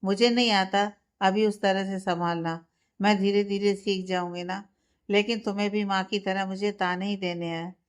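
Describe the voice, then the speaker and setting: A woman voicing a proud young wife who answers back defiantly, in a smooth, clear voice. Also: medium pitch, steady tone, normal speed, natural voice. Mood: indignant. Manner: defiant, indignant.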